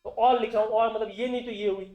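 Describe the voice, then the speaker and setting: A man's voice: sits high, steady tone, fast talker, soft background music. A male accountancy teacher giving a classroom lecture, constantly asking the class questions and repeating terms back. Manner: quizzes the class with call-and-response questions. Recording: dull, roomy classroom recording.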